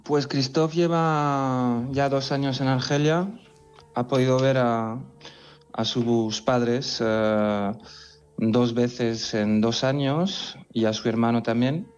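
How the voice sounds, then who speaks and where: A man's voice: mid-range voice, steady tone, takes it slowly, clean tone, muffled recording. A man from France in his forties, an editor being interviewed on the radio, speaking earnestly with many restarts and repeated words. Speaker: magazine editor in chief.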